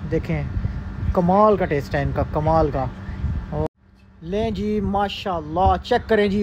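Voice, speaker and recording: Filming on a handheld phone in a crowded indoor food court, a high-voiced man from South Asia runs his food vlog in an upbeat, chatty style, talking straight to his audience and praising the food again and again. The phone audio is muffled and the background is noisy with the loud mall crowd.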